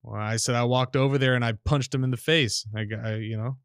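A man hosting a casual podcast, swapping childhood stories with an animated, storytelling delivery. He slips into the voices of the people in his tale. His voice sits at an everyday middle pitch, and the recording is dry and close, with no room sound. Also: quick pace, clean tone, no echo. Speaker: podcast host.

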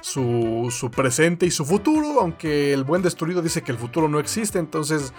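A man's voice: a little high, big pitch swings, moderate pace, soft background music. A Mexican man co-hosting a podcast, chatting casually in laid-back, slangy, sweary bro talk. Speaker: podcast co-host.

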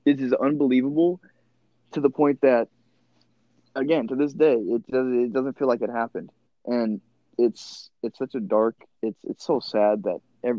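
A man's voice: mid-range voice, no echo. A man speaking earnestly and emphatically in a casual conversation as a podcast co-host. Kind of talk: casual chat. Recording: slightly dull, dry sound.

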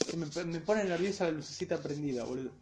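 High-voiced Argentine guy in an echoey room. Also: quick pace, darkish tone, a little hiss or hum. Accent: Rioplatense Spanish. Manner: laid-back, swears a lot, self-deprecating. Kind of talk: casual chat between friends. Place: friend's house, indoors. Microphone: phone recorder.

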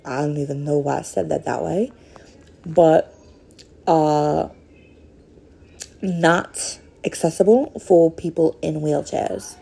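A woman's voice: sits low, steady tone, slow pace, vocal fry, long pauses, warm tone, slightly rough. A woman hosting a podcast, speaking in a rambling, casual monologue with many fillers. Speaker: podcast host.

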